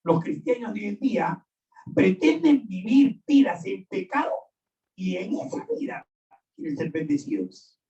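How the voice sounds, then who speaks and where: A man's voice: high-pitched, very animated, a little slow, warm tone. A man preaching a sermon as pastor, emphatic and repeating his points, addressing listeners directly in an echoey church hall. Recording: echoey and distant, dull sound.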